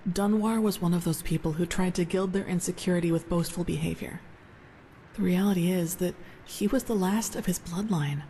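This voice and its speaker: In fantasy game dialogue, an actress voices an earnest, thoughtful female novice of a holy order, measured and reflective with a somber mood. Her lowish, mellow voice is only lightly acted. The audio is poor, with slight background noise.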